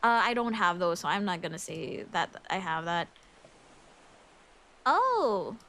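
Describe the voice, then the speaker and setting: With a lowish, sharp-toned voice full of animation, a young Filipina streamer takes her time as she talks. She giggles and chats casually in Filipino-accented English, musing aloud over a game livestream.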